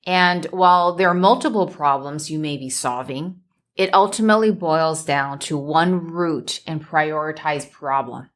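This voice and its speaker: A woman with a notably low voice hosts a solo podcast on a microphone. Measured and deliberate, she stacks her ideas into emphatic lists as she coaches her listeners. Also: a bit bright. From United States. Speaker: podcast host and business coach. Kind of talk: solo motivational podcast talk.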